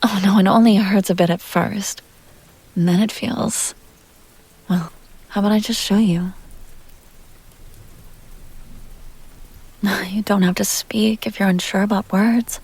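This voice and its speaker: Captured on a low-quality recording, a woman in an intimate roleplay audio drama plays a seductive, refined vampire heiress in a mid-range voice with fairly even intonation. She sounds tender and coaxing, speaking softly in deliberate, genteel phrases with breathy, teasing asides that often drop to a whisper.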